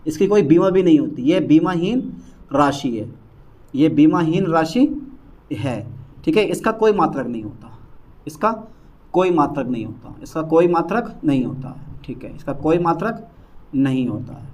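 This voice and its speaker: A man teaching a physics class, dictating notes slowly, repeating each phrase and quizzing his students. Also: a little high, expressive, darkish tone.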